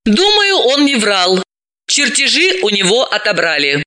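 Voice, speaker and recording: A man doing an anxious, brisk woman psychoanalyst. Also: high-pitched, huge pitch swings, sharp tone, voice pushed up, exaggerated voice. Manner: nervous and brisk.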